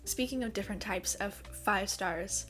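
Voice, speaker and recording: A young woman reviewing books in a casual vlog, expressive and dramatic, swinging between gushing and mock outrage. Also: medium pitch, normal speed, soft background music. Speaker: book vlogger. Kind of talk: casual book review monologue.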